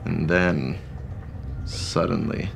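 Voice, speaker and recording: This man teaches an online audio drama course, delivering scripted lessons in a conversational way, full of rhetorical questions and acted-out examples. He speaks extremely slowly in a low, steady, creaky voice, with a slight hiss or hum on the recording.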